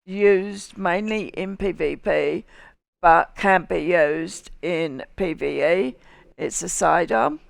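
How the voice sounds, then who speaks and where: A woman's voice: medium pitch, gravelly, no echo, studio quality. A woman with a Cockney accent narrating a casual video game guide. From England. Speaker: gaming video host.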